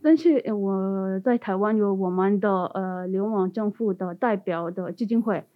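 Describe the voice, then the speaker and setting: Female interview guest, foreigner speaking accented Mandarin, halting and simple, on a muffled narrow-band line. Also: medium pitch. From India. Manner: non-native Mandarin speaker, halting, simple phrasing with repetitions. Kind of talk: conversational interview answers. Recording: muffled narrow phone-like sound.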